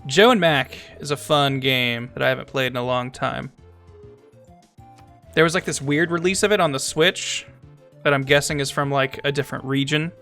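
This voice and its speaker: A man streaming a strategy game, chatting casually, thinking aloud, talking to his chat, and sometimes reading game text aloud slowly. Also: mid-range voice, pushed and bright, soft background music. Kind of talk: casual gameplay commentary.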